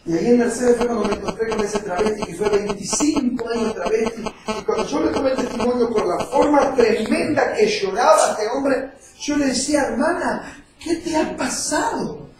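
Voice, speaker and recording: A man's voice: extremely high pitch, moderate pace, noisy background. A man, an evangelist preaching a sermon and telling his own testimony with emotion. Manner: emotional storytelling preacher, acting out quoted voices. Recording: echoey far-off mic with faint music.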